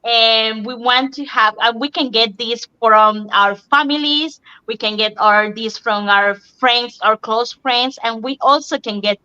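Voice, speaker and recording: A woman's voice: a little high, steady tone, clear, resonant tone. A woman from Cuba, talking casually on a video call, often laughing and restarting her phrases. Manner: warm, laughing, halting phrasing. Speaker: nurse and online business owner. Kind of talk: casual group talk. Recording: dull lo-fi online call audio.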